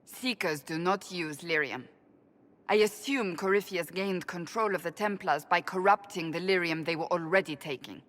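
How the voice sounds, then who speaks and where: A woman's voice: fairly low pitch, normal speed, fairly bright tone, close to an everyday voice. An actress playing a devout, proud woman warrior who speaks firmly and formally. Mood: resolute. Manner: firm, formal, resolute. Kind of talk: video game voice acting.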